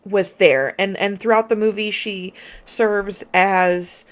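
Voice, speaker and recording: A woman co-hosting a casual film podcast eagerly shares opinions while thinking aloud about her interpretation of a movie. Her voice is at a typical middle pitch for a woman, with fairly even intonation and a slow pace. She hiccups slightly as she talks.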